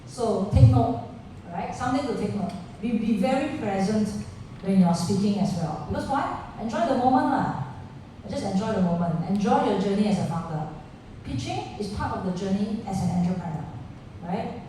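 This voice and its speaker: A woman running a pitching workshop, talking live to founders and asking the audience questions, dropping local particles like lah. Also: expressive, normal speed, dark tone. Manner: interactive, asks the audience questions. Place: large indoor room with an audience. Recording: echoey room picked up from far off, faint noise.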